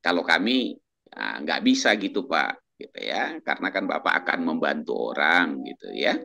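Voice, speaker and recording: A man, a doctor and church minister, telling his faith testimony in a casual talk-show chat, animated, quoting others and chuckling as he goes. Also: rumbling low, moderate pace, gravelly, crowd noise.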